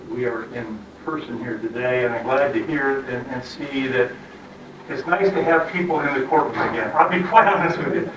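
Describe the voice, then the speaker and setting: An American man presiding as a judge, speaking formally but haltingly through a face mask, with frequent hesitations and repeated words. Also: medium pitch. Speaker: judge presiding over a court hearing. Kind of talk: formal courtroom address from the bench, partly informal. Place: courtroom. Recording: echoey courtroom, distant mic, faint noise.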